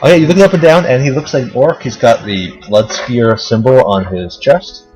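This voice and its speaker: A young man acting as dungeon master, narrating a tabletop game with many fillers and pauses. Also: medium pitch, a little mellow, soft background music, poor audio.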